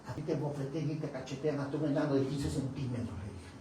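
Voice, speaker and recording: A man's voice: medium pitch, steady tone, fast talker. Man preaching from afar in an echoey church. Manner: dramatic storytelling, acting out dialogue. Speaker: pastor. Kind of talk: testimony sermon. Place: church hall. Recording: very echoey, distant, noisy church room.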